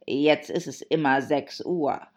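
A woman voicing a gloomy, quarrelsome grown man, a hatter, who speaks slowly and emphatically with sighs. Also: deep voice, fairly even intonation, darkish tone. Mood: mournful. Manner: slow, emphatic, sighing. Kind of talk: audiobook character voice.

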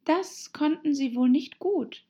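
A woman's voice: high voice, very animated, normal speed, warm tone, breathy edge, highs cut off, voice pushed up, heavily acted. A woman voicing a curious, polite young girl with an earnest, questioning way of speaking. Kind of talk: audiobook character voice.

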